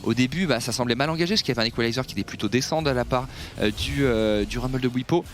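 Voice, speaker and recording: A man's voice: mid-range voice, rapid-fire, slight background noise. A man giving analytical esports commentary, breaking down team fights and replays.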